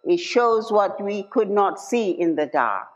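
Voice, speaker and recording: A woman preaching a sermon at a church service, slow and emphatic, repeating key phrases and putting direct questions to her listeners. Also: medium pitch, lively intonation. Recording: dull lo-fi live church recording.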